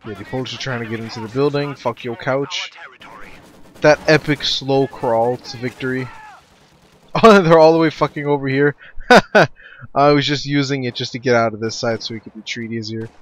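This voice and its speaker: A man's voice: mid-range voice, fairly quick. A man casually commentating a strategy game replay, loose and rambling, swearing now and then.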